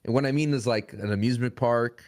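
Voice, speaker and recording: A man's voice: mid-range voice, fast, darkish tone. A young man talking as a podcast guest in a rambling, casual way. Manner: rambling, frequent restarts and fillers.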